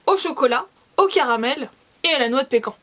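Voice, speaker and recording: A young woman chatting playfully through a casual snack-tasting vlog, self-mocking and lively. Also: high-pitched, fairly quick. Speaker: beauty and food vlogger.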